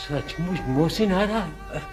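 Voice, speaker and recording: Slow, wandering old grandfather. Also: on the high side, lively intonation, a little mellow, faint music behind. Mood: confused. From Pakistan. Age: older. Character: forgetful, childlike old grandfather. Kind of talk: broadcast TV drama.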